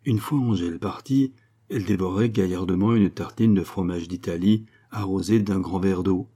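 A man narrating a classic novel as an audiobook, reading in a measured, even way. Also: low voice, breathy edge. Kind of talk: scripted literary narration.

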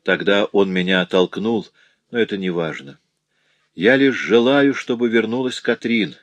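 A man's voice: fairly low pitch, a little slow, dry recording. A man voicing a poor, grieving woman who tells of her husband's cruelty in a sorrowful, pleading way.

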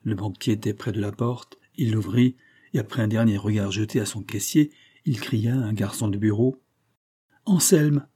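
A man narrating an audiobook of a classic novel in a measured, steady manner. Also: fairly low pitch, husky. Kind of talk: reading a classic novel aloud.

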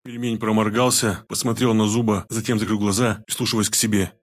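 A man's voice: on the low side, brisk. Man reading a gritty audiobook. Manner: steady storytelling with street slang. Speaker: audiobook reader. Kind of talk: scripted narration.

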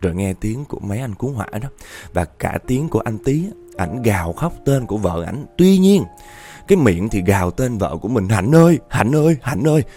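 A man's voice: lowish voice, very animated, a little fast, warm tone, soft background music. A man telling a horror story dramatically, addressing his listeners directly.

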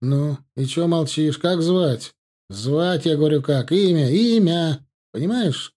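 A man voicing a loud young Russian jäger who shouts urgently in a raised voice. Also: on the high side, animated, takes it slowly. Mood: pressing.

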